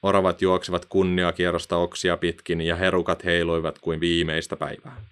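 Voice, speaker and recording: A man narrating a children's story in an expressive, playful storytelling manner. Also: low voice, clean tone.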